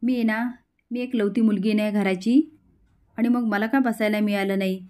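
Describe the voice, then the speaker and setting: A woman's voice: mid-range voice, steady tone, moderate pace, dark tone, lightly acted. A woman voicing a spoiled, snobbish rich teenage girl who talks in an irritated, dismissive way.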